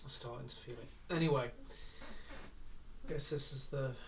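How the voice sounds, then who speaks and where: Man, mid-pitched, quiet unhurried reader of a novel. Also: fairly even intonation, a little hiss or hum, rough recording. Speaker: audiobook reader. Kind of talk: reading a novel aloud.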